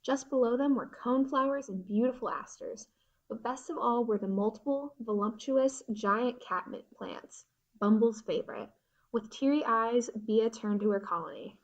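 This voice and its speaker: A woman narrating a storybook in an expressive, descriptive reading. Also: fairly high pitch, moderate pace, highs cut off.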